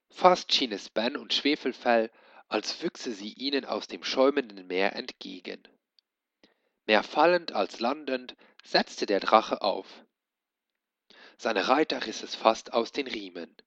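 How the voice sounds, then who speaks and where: A man teaching, reading a book aloud slowly and explaining for learners. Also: medium pitch, fairly bright tone, no echo. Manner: slow, explaining. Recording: dull, dry lo-fi recording.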